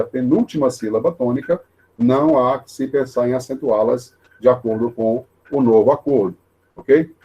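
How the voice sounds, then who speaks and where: Husky, mellow-voiced male teacher. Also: mid-range voice. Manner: explanatory, many tag questions, repeats himself; says he talks fast. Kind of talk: online lesson on grammar.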